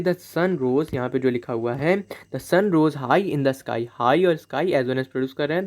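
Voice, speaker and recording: A man teaching English poetic devices in Hindi. He mixes in Indian-accented English and slows down to read the example lines aloud. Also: mid-range voice, darkish tone. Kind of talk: classroom lesson, Hindi with English.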